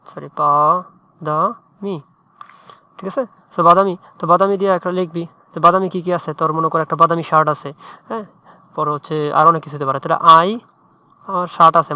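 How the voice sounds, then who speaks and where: A man's voice: a little high, sharp tone, smooth, no echo. A man tutoring English in a chatty, informal way, often checking in with "right?". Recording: muffled dry lo-fi mic.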